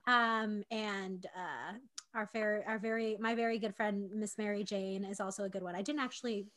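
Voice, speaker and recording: Woman, 20s, podcast co-host; bright, forceful tone, effusive and a little profane. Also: mid-range voice, fairly even intonation, moderate pace. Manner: effusive, swears casually. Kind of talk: casual chat.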